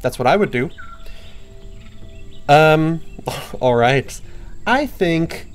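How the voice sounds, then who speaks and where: A young man, a game developer, casually talking through a live stream of his own game, excitable and playful with lots of fillers. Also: a little high, drawn-out words.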